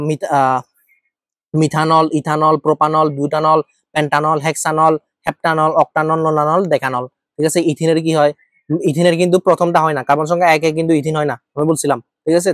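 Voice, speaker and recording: A man's voice: on the high side, no echo. A man teaching chemistry, dry close sound. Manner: asks and answers his own questions, thinks aloud while writing; addresses students familiarly, often checks in. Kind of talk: informal classroom lecture.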